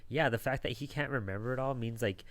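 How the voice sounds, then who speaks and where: A man's voice: mid-range voice, fast, a bit bright. A man co-hosting a podcast, chatting casually about comic characters with lots of "like" and "you know". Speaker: podcast co-host.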